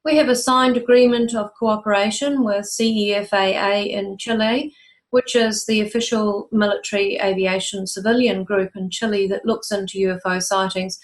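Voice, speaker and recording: Older New Zealand woman, measured. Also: medium pitch, fairly even intonation. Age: 60s. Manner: measured, informative, with frequent ums. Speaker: guest, UFO researcher. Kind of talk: interview answers.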